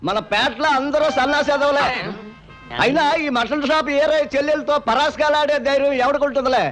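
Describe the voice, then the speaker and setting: A bossy overprotective butcher bro, really high voice, lecturing away, music in the back. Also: male voice, steady tone, fairly quick, a bit bright. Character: proud protective butcher brother. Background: film score.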